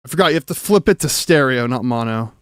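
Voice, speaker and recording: Fast and expressive, this medium-pitched man has a clean tone in studio-quality audio with no room sound. As a streamer who tinkers with audio, he chats casually while fixing gear live, rambling, cutting himself off, and swearing now and then.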